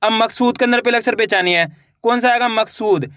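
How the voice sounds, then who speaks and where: A man with a high voice leads a beginners' writing lesson and breaks each word into syllables that he draws out slowly. He says each word, asks for it back and keeps calling his viewers friends. The sound is dry and close, with no room around it. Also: a bit bright, clear, resonant tone, dry recording. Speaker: teacher.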